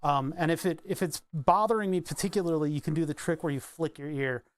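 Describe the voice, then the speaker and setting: Building electronics on a live stream, a man chats casually, rambling, answering chat and laughing often. His voice is on the high side and fairly quick.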